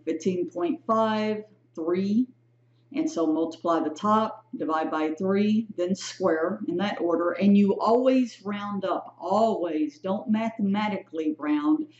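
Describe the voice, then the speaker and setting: A woman's voice: on the low side, a little mellow. Chatty woman teaching statistics, echoey. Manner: chatty, self-correcting, asks "right?" often. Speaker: statistics instructor. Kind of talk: recorded lecture walkthrough. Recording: echoey, dull lo-fi room sound.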